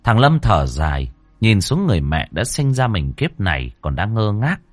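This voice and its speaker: Man reading a spooky story, low voice, really animated, dry close mic. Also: moderate pace, no echo, faint music behind. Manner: expressive, dramatic storytelling. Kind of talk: ghost story narration.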